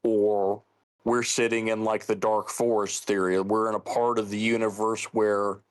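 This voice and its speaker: A middle-aged man from the United States co-hosting a casual podcast, speaking earnestly and measured, often restarting his sentences. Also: fairly low pitch, level tone, clear, resonant tone. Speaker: podcast co-host.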